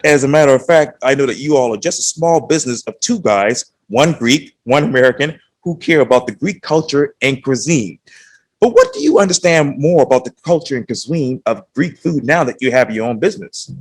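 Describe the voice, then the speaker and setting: A man's voice: medium pitch, fairly quick. A man hosting a local video interview show, introducing guests and asking questions in an upbeat way. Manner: upbeat, lively intro delivery.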